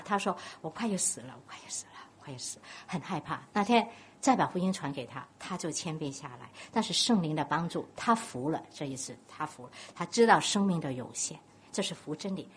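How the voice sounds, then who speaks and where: A woman's voice: medium pitch, husky. A woman from Guangdong with a Cantonese accent, preaching a sermon and telling stories while putting questions to the congregation. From Guangdong, China. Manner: animated storytelling, questions to the congregation.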